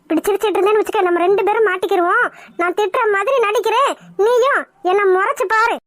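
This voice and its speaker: Cartoon role: woman voicing a bossy young village woman, very high and bright, scolds fast. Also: no room sound. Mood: scolding. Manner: scolding, quick retorts. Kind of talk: cartoon voice acting.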